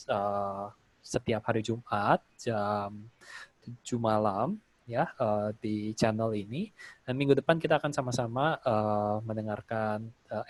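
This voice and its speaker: A man hosting a webinar, closing with upbeat announcements and some hesitant fillers. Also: mid-range voice. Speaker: webinar host.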